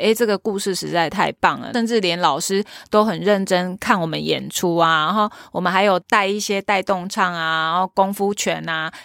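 A woman with a Taiwanese Mandarin accent, a children's theater troupe leader, chatting in an interview and retelling stories with animated quoted dialogue. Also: on the low side, gravelly, no room sound, studio quality. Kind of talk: casual interview talk, storytelling.

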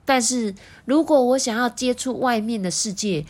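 A woman voicing a polite, formal, proud talking leather schoolbag in a storybook, speaking slowly and courteously. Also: a little high, darkish tone, pitched above the performer's own voice, natural voice. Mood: pleading. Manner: slow, very courteous.

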